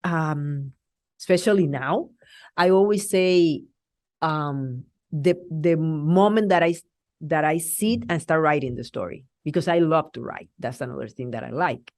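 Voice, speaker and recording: Speaking English with Spanish as her native tongue, this Puerto Rican woman is a middle-aged television journalist appearing as an interview guest. She talks casually in a low, dry voice, animated but stopping to restart her sentences. There is no echo.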